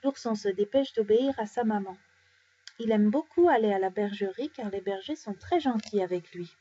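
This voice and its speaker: A French-speaking woman reading bedtime stories aloud, animated and changing her voice for each character. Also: medium pitch, moderate pace, husky. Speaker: storyteller. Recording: dull lo-fi recording.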